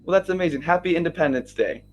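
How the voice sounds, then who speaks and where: A man's voice: a little high, lively intonation, fast talker, faint music behind, poor audio. A man from Minnesota, tutoring English casually over a video call and laughing often. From Minnesota, United States. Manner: friendly, laughs often, asks easy questions. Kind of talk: casual conversation.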